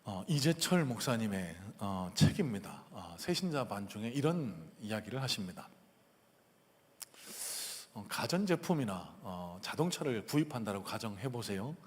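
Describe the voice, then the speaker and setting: A man preaching a sermon as a pastor, animated and acting out the disciples' casual chatter in playful voices. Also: lowish voice, moderate pace, big-room sound. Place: church sanctuary.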